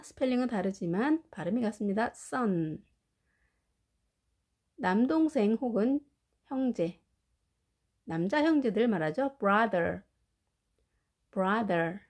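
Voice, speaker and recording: A woman with Korean as her first language, teaching English family words and slowly drilling their pronunciation. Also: a little high, a little mellow. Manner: slow, careful pronunciation drills. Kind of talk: vocabulary lesson.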